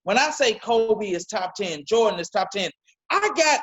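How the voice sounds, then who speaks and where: An excited man talking sports on a podcast over a video call. He pushes his points hard, stumbles over repeated words and speeds up as he gets going. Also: high-pitched, muffled recording. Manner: emphatic, talks fast and repeats words when excited. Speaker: podcast co-host. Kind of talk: casual sports talk.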